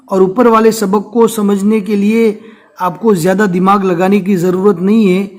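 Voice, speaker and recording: A man teaching Urdu reading step by step, patiently explaining each word and repeating it slowly. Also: sits high.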